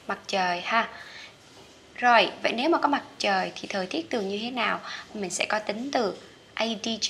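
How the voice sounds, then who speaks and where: A woman with a Vietnamese accent teaching English vocabulary, saying each word slowly and repeating it for learners. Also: medium pitch, creaky, fairly bright tone, slight background noise. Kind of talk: vocabulary lesson.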